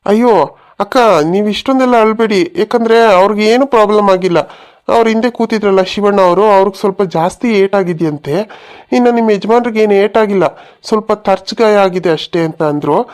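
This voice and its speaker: A man voicing a village neighbor and a husband in a cartoon comedy, reasoning in a plain, hurried way. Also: sits high, darkish tone.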